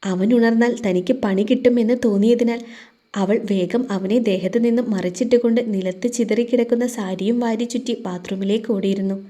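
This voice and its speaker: A woman narrating a romantic family audio story in a steady, gentle way. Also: mid-range voice, a little fast.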